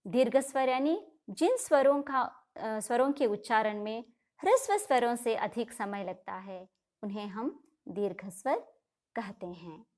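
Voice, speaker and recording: A woman teacher gives a grammar lesson to children in an unhurried, measured way. Her voice sits a little high, and she poses questions to the class, then answers them herself. She stretches out each example word so the children can follow. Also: expressive, a little mellow.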